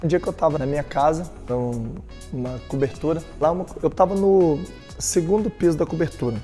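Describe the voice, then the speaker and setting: Emphatic Brazilian man over soft music. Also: fairly high pitch, a little fast. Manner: emphatic storytelling, addresses the listener directly. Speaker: motivational speaker. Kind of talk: motivational talk.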